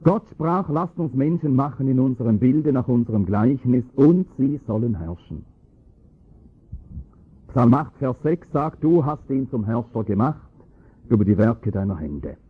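Husky-voiced man preaching, phone-like sound. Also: animated, measured pace. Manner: emphatic, rising pitch on key points. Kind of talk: sermon. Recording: tinny phone-like lo-fi recording.

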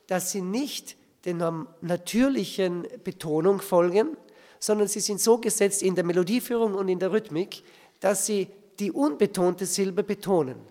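In a reverberant hall, a preacher with a high-pitched, somewhat dark voice gives a church teaching. He frequently poses rhetorical questions to his listeners.

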